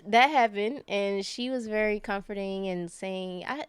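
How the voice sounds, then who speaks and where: A woman's voice: mid-range voice, unhurried, clean tone, no echo. A woman guest on a podcast, telling a personal story in a rambling, casual way with many fillers and self-corrections.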